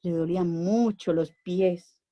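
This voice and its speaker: A woman with a Spanish accent from Spain, an oral storyteller and educator, telling a children's story in an animated way that moves between bright and hushed. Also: lowish voice, slow, no echo, highs cut off.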